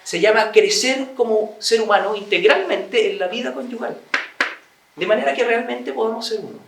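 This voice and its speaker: A man's voice: sits high, moderate pace, vocal fry, recorded from a distance, background noise. Chatty man lecturing in an echoey room. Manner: acts out little dialogues, animated and chatty. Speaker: speaker giving a talk on marriage. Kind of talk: lecture to an audience.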